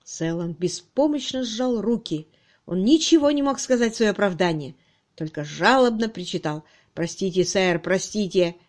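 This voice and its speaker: A woman narrating a detective novel as an audiobook, in an even, measured way. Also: medium pitch.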